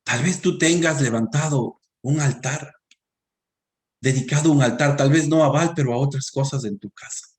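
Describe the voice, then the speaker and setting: A man preaching a sermon, reading scripture aloud and speaking directly to the congregation, rising to loud emphatic peaks and dropping to quiet low asides. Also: moderate pace. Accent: Latin American Spanish.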